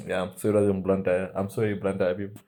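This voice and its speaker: A man's voice: sits low, dark tone. A young man from Africa co-hosting a podcast, chatting in slang with frequent laughs and restarts. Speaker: podcast co-host. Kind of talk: casual chat.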